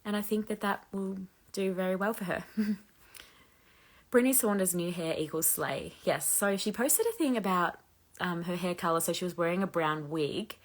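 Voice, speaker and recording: With a lowish voice at a moderate pace, a woman in her 30s from Australia fields viewer questions on a relaxed live chat. She's talkative, peppers her speech with "like," and laughs lightly.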